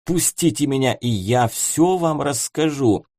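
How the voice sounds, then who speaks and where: A man voicing a drunk, desperate officer who pleads in a slow, theatrical way. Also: medium pitch, expressive, darkish tone, dry recording, voice pushed up. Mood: melodramatic pleading. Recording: dry close studio sound.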